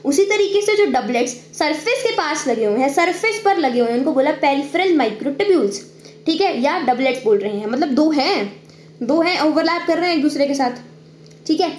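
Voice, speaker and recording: High-voiced woman teaching biology. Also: animated, brisk, roomy sound. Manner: explains step by step, checks in with "ठीक है"; drawing on screen while talking. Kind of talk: online exam-prep lecture.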